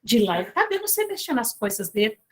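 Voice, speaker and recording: Woman, high voice, lay speaker, informal spiritual talk, chatty storyteller. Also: very animated, quick pace, breathy edge. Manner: chatty, storytelling with filler tags and asides to listeners.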